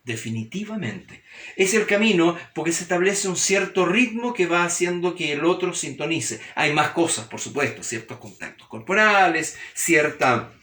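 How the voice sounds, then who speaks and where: A man with a Chilean accent giving a reflective humanities lecture, expressive, shifting his tone and pace to demonstrate what he means. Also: on the high side, normal speed. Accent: Chilean Spanish. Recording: roomy echoey recording.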